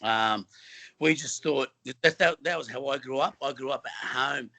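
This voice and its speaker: During a relaxed interview, a middle-aged film actor from Western Sydney in Australia talks earnestly but wanders, stacking up fillers and restarting sentences. He has a medium pitch and normal speed, and his tone is bright and forceful.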